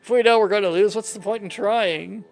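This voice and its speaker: A man's voice: sits high, brisk, vocal fry. A man voicing an anxious, despairing queen who complains fretfully in a fantasy game. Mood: dismayed.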